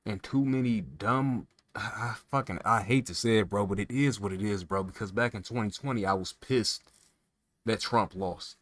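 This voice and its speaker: A man with a somewhat low voice vents in a heated, profanity-laced rant. He talks straight at the listener, piling on emphatic rhetorical questions. The recording is dry, with no room sound. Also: normal speed, a bit bright, no echo. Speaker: political commentator. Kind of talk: casual political rant.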